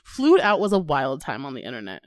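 A woman's voice: a bass voice, huge pitch swings, brisk, dry recording, clean studio sound. Giggly Midwestern young woman, rambling. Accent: Midwestern American. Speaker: podcast co-host. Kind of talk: casual chat.

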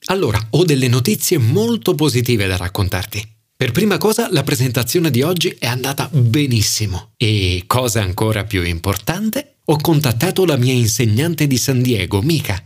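A man's voice: medium pitch, big pitch swings, normal speed, slightly rough. A man voicing a confident, persuasive young professional woman in an audiobook. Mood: upbeat. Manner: coaxing, upbeat, persuasive. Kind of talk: audiobook character voice.

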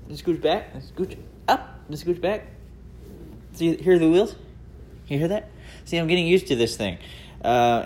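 A chatty American man records a casual personal audio diary for his podcast at home, indoors in a room with a laminate floor. His medium-pitched voice is a little mellow, with slight background noise.

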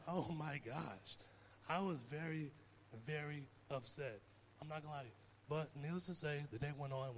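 A man's voice: medium pitch, slight background noise. A young man giving an informal sermon, talking conversationally and telling stories with rising emphasis. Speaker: preacher.

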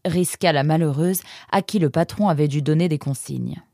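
Conteuse à la voix grave. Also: female voice, low-pitched, moderate pace, dark tone, dry recording. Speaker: narrator. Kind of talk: scripted audiobook narration.

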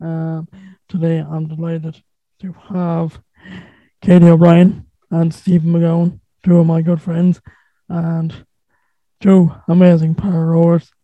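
A man's voice: on the high side, completely flat delivery, takes it slowly, dry recording. A man with an Irish accent hosting a podcast and casually interviewing guests. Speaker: podcast host. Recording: phone-like, thin band-limited sound.

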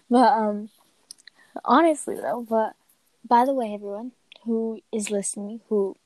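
A teenage girl co-hosting a casual podcast, telling a story in halting, self-interrupting bursts. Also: fairly high pitch, darkish tone, dry recording. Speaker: podcast co-host. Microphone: home mic, recorded remotely.

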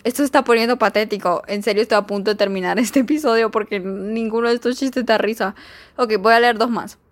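A woman's voice: on the high side, fast. A young woman, chatting casually as she reads jokes aloud, giggly and full of fillers. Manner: giggly, chatty, filler-heavy, mock-exasperated. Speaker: vlogger reading jokes.

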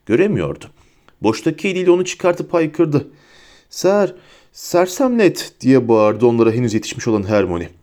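A man narrating an audiobook in a warm, mellow voice of ordinary pitch. He tells the story with lively expression and lifts his voice high for the characters' cries. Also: quick pace.

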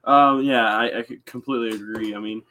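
A man's voice: mid-range voice, fairly even intonation, a little fast, pushed and bright. A man co-hosting a casual fan podcast, agreeable, often stumbling and restarting words. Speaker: podcast co-host.

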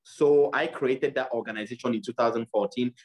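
Casting: young man from Cameroon, earnest and halting, video call guest. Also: mid-range voice. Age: young adult. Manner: earnest, many fillers and restarts. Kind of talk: interview over video call.

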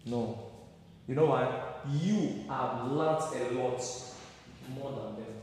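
A man's voice: mid-range voice, slow, darkish tone, a little hiss or hum. A man, a pastor, leading morning prayer from a pulpit microphone, urging the congregation with repeated phrases and questions. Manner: repetitive, exhorting, asks the congregation questions. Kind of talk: exhortation and prayer. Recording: echoey hall, distant mic, faint ambience.

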